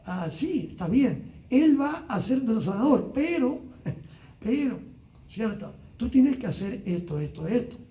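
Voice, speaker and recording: Pastor, male, high mellow voice, unhurried Bible study talk with fillers, heard from a distance in a roomy space. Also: sing-song. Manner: unhurried, many "ah" fillers and tag questions. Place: church Bible study streamed live online.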